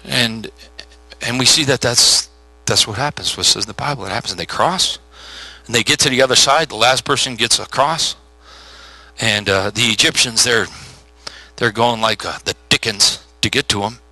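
A middle-aged male pastor preaching a sermon, telling the story with lively acted-out voices. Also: medium pitch, normal speed, dry recording, soft background music, low-quality recording. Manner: animated storytelling with voiced characters.

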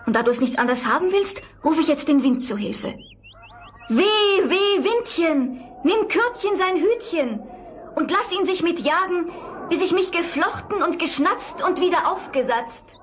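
A woman's voice: very high voice, expressive, unhurried, slight background noise. A woman voicing a young princess forced to work as a goose girl in a fairy-tale radio play, speaking in a plaintive, pleading way.

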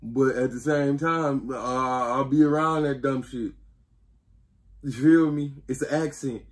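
A young man hosting a reaction video, talking casually in slang, excitable and often checking in with his listeners. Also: mid-range voice, a little slow. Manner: slangy, excitable, keeps asking "you feel me".

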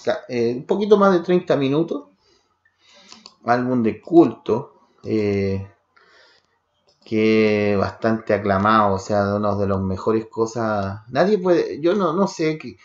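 A man's voice: lowish voice, animated, takes it slowly. A man from Chile with a Chilean Spanish accent reviews a metal album casually, firing off short descriptive fragments with frequent restarts. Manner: rattles off terse fragments while listening, with restarts. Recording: roomy, dull lo-fi home recording.

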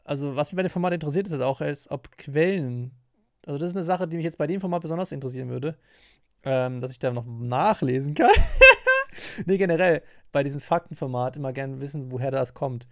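A man's voice: fairly high pitch, darkish tone, no echo, studio quality. A man streaming and reacting to a video, chatting casually with lots of fillers and restarts. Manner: rambling, filler-heavy, quick to react.

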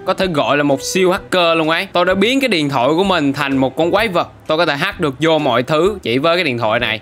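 A man commentates on his gameplay in an excitable, jokey way, often breaking into English outbursts. His voice sits slightly high for a man. Light music plays faintly behind him. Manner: excitable, bursts of English exclamations. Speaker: gaming YouTuber.

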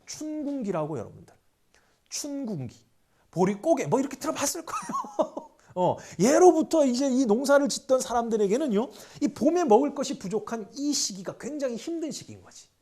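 A male history teacher lectures with a pitch that bounces up and down as he explains each point. He keeps throwing rhetorical questions at his class and slides between polite and casual speech. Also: huge pitch swings, normal speed, warm tone.

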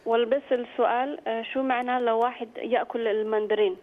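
A woman from the Netherlands is calling in by phone. She has a slightly high voice and speaks quickly between halting searches for words in broken, speech. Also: steady tone, narrow, tinny audio. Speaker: phone-in caller. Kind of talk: casual recounting. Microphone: telephone.

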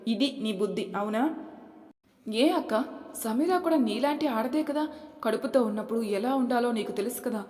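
A woman's voice: fairly high pitch, normal speed, darkish tone, natural voice. A woman voicing an angry grown son who accuses his own mother, in a roomy hall with long reverb. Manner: heated, accusing.

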